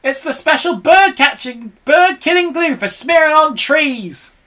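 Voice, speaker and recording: Storybook monkey father, frantic and bossy, yelling in a high, swooping voice, as a reader puts him on. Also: animated, a little slow, exaggerated voice. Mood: eager. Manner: shouting orders, frantic. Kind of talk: storybook read-aloud.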